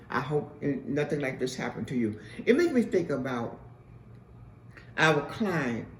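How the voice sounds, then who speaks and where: A woman's voice: sits low, slight background noise. A woman host telling an emphatic, repetitive testimony in a preacher-like way. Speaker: host and mentor. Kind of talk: spoken testimony. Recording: echoey room from a distance.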